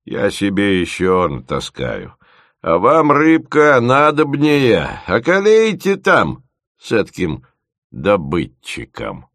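A man voicing a crafty, boastful old village fisherman who drawls in a slow, folksy way. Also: on the low side, sing-song, creaky, no room sound, studio quality, heavily acted. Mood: mocking, gruff.

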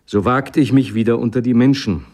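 A man giving an expressive, dramatic first-person reading of a literary tale. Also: medium pitch, a little fast. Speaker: reader.

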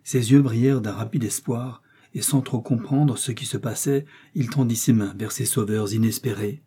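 A man narrating a classic adventure novel in a measured, dramatic storytelling voice. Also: medium pitch, steady tone, dark tone, husky. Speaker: audiobook narrator. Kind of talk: scripted narration.

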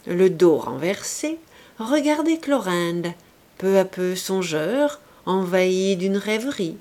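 A woman reads a classic novel aloud in measured, expressive audiobook narration. Her pitch sits mid-range but rises and falls in lively curves. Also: husky. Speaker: audiobook reader.

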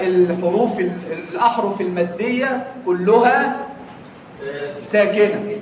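A man with an Egyptian Arabic accent leads a classroom grammar lesson, firing repeated questions at his students. His voice sits high, and the distant, echoey lo-fi recording has a dull quality and slight background noise.

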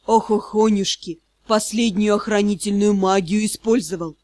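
A woman's voice: medium pitch, fairly even intonation, normal speed, darkish tone, no echo, pitched below the performer's own voice, close to an everyday voice. A woman voicing a fretful, folksy old male house spirit who speaks in rustic old-fashioned words and sighs and grumbles. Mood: grumbling. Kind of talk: audiobook character voice.

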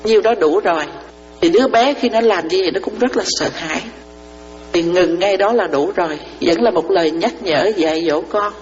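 A Buddhist nun gives a dharma talk to lay followers, explaining through parables and often asking if they understand. Her voice is fairly low and darkish, at a moderate pace. The sound is dull and lo-fi, with hall reverb and faint mains hum.

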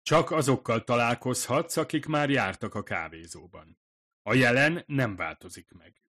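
A man's voice: medium pitch, bright, forceful tone, voice pushed up. A man voicing a shy young woman who works as a café waitress and speaks hesitantly, sometimes stammering. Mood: explaining.

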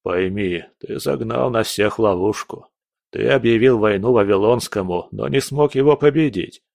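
A tired, reproachful count with a low and resigned delivery, played by a man in an audiobook. The voice sits deep and the recording is dry. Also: moderate pace, vocal fry, a little mellow, no echo.

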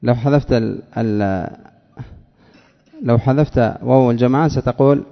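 A man's voice: mid-range voice, moderate pace, vocal fry. A male teacher giving a classroom lesson on word forms, calling on students by name and drilling them with questions. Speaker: teacher of Arabic morphology. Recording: echoey hall, dull lo-fi sound.

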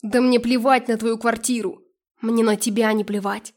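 A woman's voice: fairly high pitch, fairly even intonation, moderate pace, darkish tone, close to an everyday voice. A woman voicing a jealous, pushy ex-boyfriend in an audiobook reading. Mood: resentful. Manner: resentful, pushy. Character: jealous scheming ex-boyfriend, adult man.

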